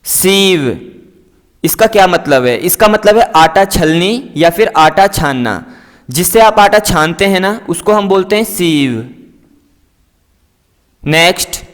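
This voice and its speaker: Male English teacher, high voice, unhurried, patient word-by-word drill, echoey room. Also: animated, a bit bright. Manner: repeats each word and its meaning twice, patient and explanatory. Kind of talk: slow vocabulary drill lesson.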